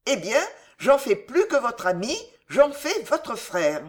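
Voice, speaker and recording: A woman voicing a cold, calculating queen mother in an audiobook, speaking in a measured, persuasive way. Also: fairly high pitch, big pitch swings, voice pushed up. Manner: measured, persuasive, coolly triumphant. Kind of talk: audiobook character reading.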